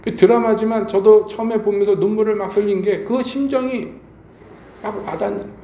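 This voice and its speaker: Mellow-voiced preacher in an echoey church. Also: male voice, high-pitched, steady tone, brisk. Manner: storytelling preacher, appeals to the congregation with rhetorical questions. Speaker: pastor. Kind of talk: evening sermon. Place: church sanctuary. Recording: echoey church hall, faint background noise.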